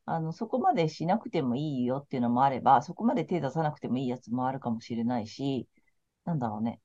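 A woman's voice: rumbling low, expressive, quick pace, mellow. A woman tarot counselor in casual podcast chat, talking in a frank, laid-back, chatty way. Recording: slightly muffled lo-fi audio.

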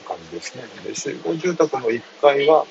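A man in his thirties hosting a casual live chat, talking in a quiet mumble while riding a bus and reading out listener comments. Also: medium pitch, animated, brisk, creaky, a crowd in the background. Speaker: live-stream host. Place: on a moving city bus. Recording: dull phone audio with bus noise. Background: bus noise.

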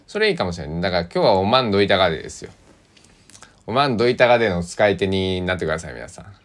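Low-voiced man with a Kochi accent. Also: big pitch swings. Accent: Kochi (Tosa) Japanese. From Kochi, Japan. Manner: rambling, unhurried, many hesitations and soft asides. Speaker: podcast host. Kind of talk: solo casual radio talk.

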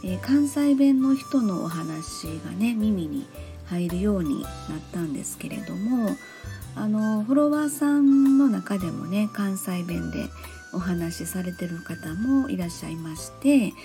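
A woman with a Kansai accent talks on her own show in a polite, chatty way, dropping fillers as she goes. Her voice is mellow and soft-edged, at a middle pitch. Faint music plays behind her. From Osaka, Japan. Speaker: podcast host. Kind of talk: casual solo talk.

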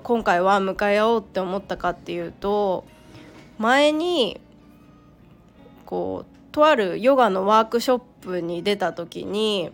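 A woman hosts a casual solo podcast in a hoarse, croaky voice roughened by a cold. She speaks haltingly, searching for her words, at an ordinary middle pitch for a woman. Soft music plays behind her. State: hoarse from a cold, throat-clearing. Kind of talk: casual personal monologue.

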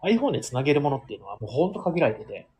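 Chatty, quick-talking husky host. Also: male voice, mid-range voice, very animated, darkish tone. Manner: chatty, laughing, many fillers. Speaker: radio show host. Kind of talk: casual chat on a livestreamed radio show. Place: board game bar. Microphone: iPhone held close.

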